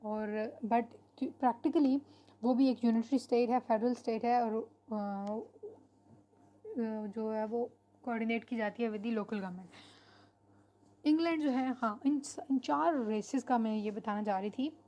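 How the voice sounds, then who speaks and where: A woman's voice: a little high, fairly even intonation, slow pace, mellow, dull audio. A woman teacher giving an online lecture, explaining steadily and mixing English terms into her speech with frequent fillers.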